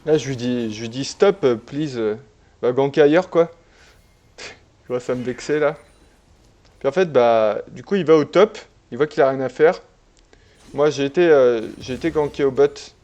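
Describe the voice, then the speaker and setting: A man chats casually over a replay of one of his own online games, relaxed and full of fillers and false starts. His voice is medium in pitch at a moderate pace, and the recording sounds muffled.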